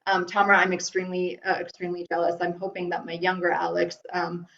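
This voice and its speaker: A middle-aged woman from Iran, low-voiced, creaky and a bit bright, delivers fast, completely flat speech as she casually answers viewers in a live home webinar, full of ums and restarts. It's recorded over a video call with roomy, dull, lo-fi audio.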